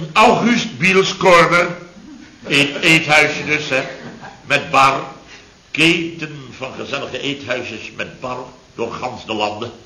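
Casting: a pompous, bossy chef, sharp bright voice, slightly high. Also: male voice, roomy sound, heavily acted, rough recording. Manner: pompous, scolding, self-satisfied. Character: boastful, bossy male chef-owner.

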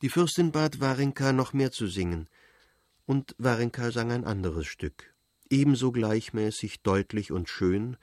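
A man narrating an audiobook in a measured, even reading voice. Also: medium pitch, no room sound, clean studio sound. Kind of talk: scripted narration.

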